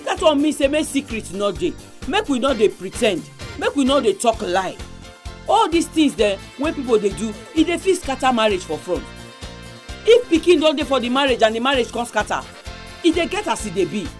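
A woman's voice: fairly high pitch, big pitch swings, normal speed. Nigerian Pidgin-speaking woman presenting, over music. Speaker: radio programme host.

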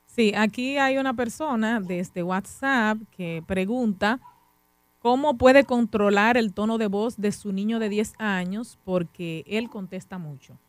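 A woman's voice: mid-range voice, a little slow, no room sound. Dry, close-sounding woman show host. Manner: brief, affirming interjections and reading listener questions.

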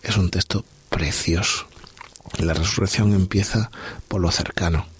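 A man's voice: low voice, steady tone, unhurried, a little hiss or hum. A man leading a reflective Bible study talk on a podcast, musing aloud and posing rhetorical questions. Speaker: podcast host.

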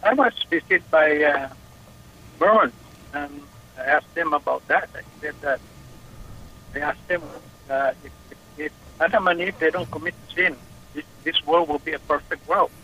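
A man's voice: fairly high pitch, moderate pace, long pauses, sharp tone, a little hiss or hum. Hesitant male caller over the phone. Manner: hesitant, repeats words. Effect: heard over a phone line. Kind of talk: call-in question.

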